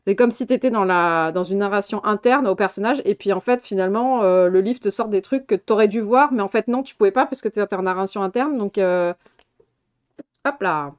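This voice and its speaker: A woman's voice: medium pitch, brisk. A woman streamer chatting casually about films on a live stream, rambling, swearing and laughing often. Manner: chatty, rambling with restarts, reacting to chat.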